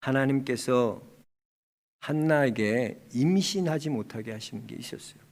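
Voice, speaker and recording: A male pastor preaching a sermon with passion, swinging from loud cries to hushed, almost whispered lines. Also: medium pitch, normal speed.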